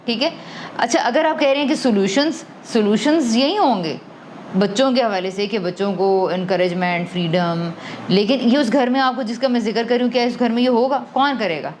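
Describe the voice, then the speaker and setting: A woman's voice: a little high, a little mellow, a little hiss or hum. A woman guest on a podcast, explaining things conversationally and thoughtfully, slipping English terms into her speech and often restarting sentences. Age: adult parent. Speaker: podcast guest on emotional wellbeing.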